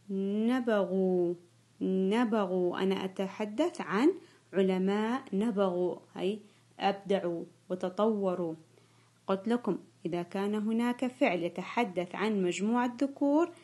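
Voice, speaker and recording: A woman teaching an online grammar lesson to young pupils, repeating key words slowly and praising often. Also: mid-range voice, darkish tone. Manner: slow, drawn-out repetition of key words; frequent praise and quiz questions to pupils. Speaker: primary school teacher.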